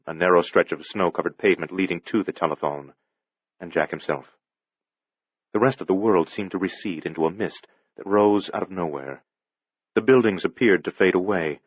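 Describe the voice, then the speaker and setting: A man giving a measured, dramatic scripted audiobook narration. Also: sits low, dry recording, lo-fi sound.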